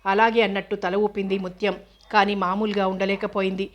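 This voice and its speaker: A woman narrating a novel in a steady, even reading voice. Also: medium pitch, a little fast. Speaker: audiobook narrator.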